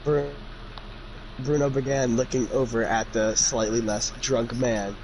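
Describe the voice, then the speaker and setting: A young man with a medium-pitched, darkish, level voice reads fan fiction aloud at an unhurried pace, playing it for laughs. He keeps getting sidetracked into sweary jokes, and the noisy amateur recording picks up room ambience.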